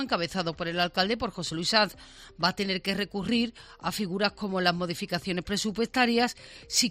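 Bright-voiced woman reading radio news. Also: medium pitch. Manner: brisk, conversational news delivery. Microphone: studio microphone.

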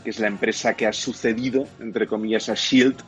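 Speaking a little fast in a steady tone, his voice on the low side, a Castilian-accented television and film reviewer gives an opinionated, explanatory review. It's a conversational radio segment with soft background music.

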